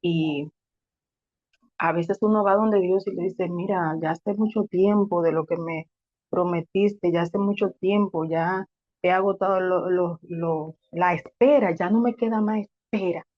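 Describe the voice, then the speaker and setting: A woman's voice: fairly low pitch, fairly even intonation, unhurried, dull audio. A woman sharing a personal faith testimony in an earnest, reflective way, sometimes restarting her words. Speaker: testimony speaker.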